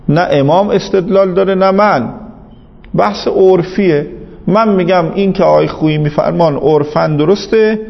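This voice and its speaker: A man's voice: on the high side, gravelly, big-room sound, muffled recording. A man teaching Islamic jurisprudence in a seminary lecture, arguing his point patiently and repeating it with emphasis.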